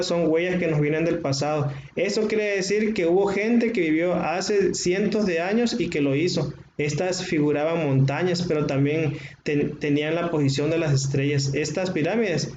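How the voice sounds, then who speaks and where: A man with a Mexican accent, a history teacher lecturing to his class and explaining slowly, stretching out words, with frequent filler sounds. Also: on the high side, fairly even intonation, a little mellow. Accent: Mexican Spanish. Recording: roomy, dull, faintly noisy.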